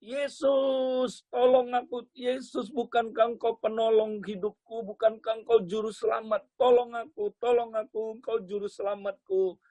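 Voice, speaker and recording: Guy putting on a high panicky young man voice, begging and almost crying, dry sound. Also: little pitch movement, brisk, a little mellow, dry recording. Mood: pleading. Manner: high pleading cries, near sobbing. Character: desperate beaten young man pleading for help.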